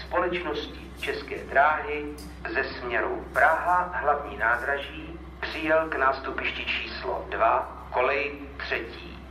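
A man making formal scripted railway station announcements as a Czech station announcer, measured, segmented and impersonal in delivery. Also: mid-range voice. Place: railway station, over public-address speakers. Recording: echoey station loudspeakers from far off, noisy.

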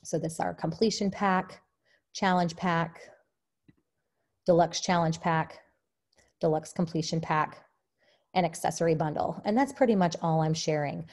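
A woman's voice: sits low, steady tone, a little slow, long pauses, darkish tone. A woman leading a casual online training call for her team, chatty and upbeat with many fillers, a bit out of breath. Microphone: video call.

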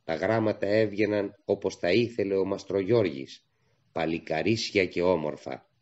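Measured male storyteller on lo-fi audio. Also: deep voice, darkish tone. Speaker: audiobook narrator. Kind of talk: literary audiobook reading.

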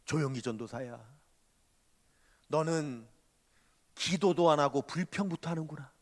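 A man's voice: a little high, measured pace, natural voice. A man preaching in a sermon, voicing a stern, fatherly divine voice that admonishes a young preacher. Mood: scolding. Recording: long church hall reverb.

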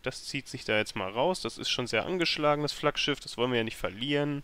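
Talking into a microphone during a let's play, this man offers laid-back, self-mocking, grumbly video game commentary. He speaks fast in a mid-range voice with a sharp yet smooth tone.

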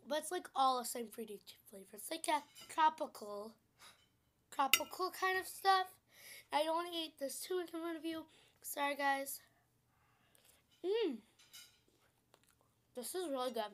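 A woman's voice: high voice, expressive, a bit bright, slight background noise. A young girl in a casual food vlog at home, chatty and giggly, often saying sorry, talking into a camera mic. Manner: chatty and giggly, quick to apologize. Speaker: vlogger. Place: home, indoors.

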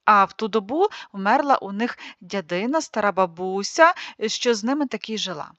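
A woman narrating a classic folk tale as an audiobook, with a lively expressive reading. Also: medium pitch, moderate pace, no echo. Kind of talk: storytelling narration. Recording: dry, slightly muffled studio read.

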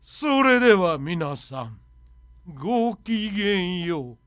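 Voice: medium pitch, big pitch swings, slow pace, fairly bright tone, clean tone, dry recording, studio quality. A radio host running a comic segment, punning and jumping between voices.

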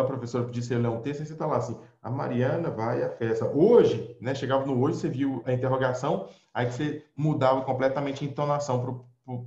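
A man from Brazil teaching English in an online class, switching between Portuguese and English and slowing down for example sentences. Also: mid-range voice. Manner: lively, drills words for repetition, slows down for examples. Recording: echoey, dull lo-fi audio.

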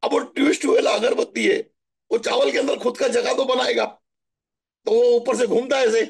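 A middle-aged man from Maharashtra telling stories in a chatty, animated way during a spiritual talk. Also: extremely high pitch, moderate pace, gravelly, husky. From Maharashtra, India. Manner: chatty, animated storytelling with asides. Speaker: spiritual guest answering questions.

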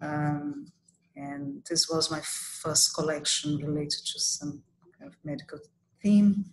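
Woman poet, Portuguese first language, calm measured reading over a video call, faint background noise. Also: sits low, low-quality recording. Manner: calm, measured reading with some hesitant fillers. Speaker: poet reading her work.

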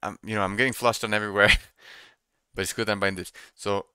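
A young man doing casual live trading commentary, thinking out loud and repeating his phrases as he muses. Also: on the low side, fairly even intonation, fairly quick, smooth, no room sound. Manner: repeats phrases while musing to himself. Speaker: day trader streaming live. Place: small room indoors at a computer desk.

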